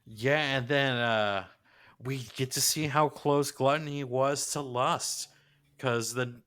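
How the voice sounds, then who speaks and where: A man's voice: mid-range voice, fairly even intonation, slow, a bit bright, clear, resonant tone. A man co-hosting a podcast, chatting casually and enthusiastically about an anime episode like a gushing fan. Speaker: podcast co-host.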